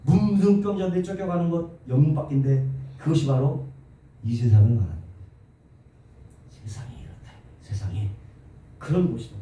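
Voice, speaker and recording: A male pastor preaching a sermon in a church, animated and full of rhetorical questions to the congregation. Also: a little high, fairly quick. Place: church sanctuary. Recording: very echoey church hall, distant mic.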